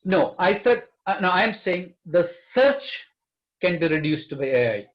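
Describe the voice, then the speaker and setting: A man's voice: sits high, big pitch swings, normal speed. Emphatic man on a lo-fi line. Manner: earnest, emphatic, repeats key words. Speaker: panelist. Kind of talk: panel discussion.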